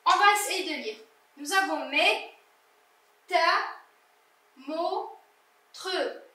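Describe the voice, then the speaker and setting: The speaker is a woman who teaches primary school, and her high, bright voice moves slowly as she spells out syllables during a lesson correcting exercises. The recording is distant and full of room echo.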